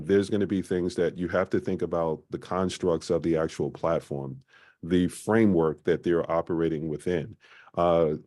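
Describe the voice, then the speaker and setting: Man, very deep voice, mellow tone, conversational workshop presenter, filler-heavy. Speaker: business presenter. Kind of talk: small-business marketing workshop talk.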